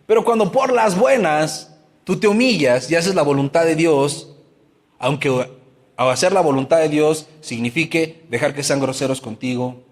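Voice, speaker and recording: A man's voice: on the high side, moderate pace, long reverb tail. A man preaching a sermon as pastor, asking his congregation many questions and acting out everyday complaints.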